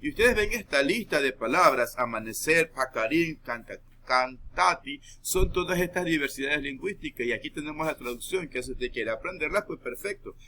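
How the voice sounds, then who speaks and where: A man teaching a recorded lesson, explaining patiently and checking understanding with quick asides. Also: a little high, animated, pushed and bright.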